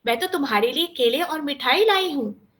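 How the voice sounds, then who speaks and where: A woman's voice: high-pitched, animated, moderate pace, a bit bright, pitched above the performer's own voice. A woman storyteller voicing a kindly, curious middle-aged aunt who keeps asking what is the matter. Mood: fussing.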